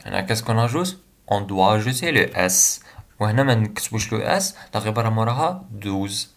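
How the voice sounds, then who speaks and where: A man's voice: on the low side, lively intonation. Algerian man teaching French grammar. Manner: slow deliberate dictation of examples, then quick translations. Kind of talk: explaining grammar lesson, mixing French and Algerian Arabic.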